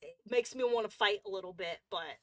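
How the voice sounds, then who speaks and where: A woman's voice: mid-range voice, a little fast, dry recording. A woman hosting a coloring livestream, chatting casually and rambling with lots of fillers and restarts.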